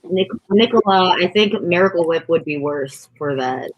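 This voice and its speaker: A woman's voice: lowish voice, normal speed, highs cut off. A woman chatting casually during an eating contest, telling anecdotes and peppering her talk with "like". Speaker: competitive eater.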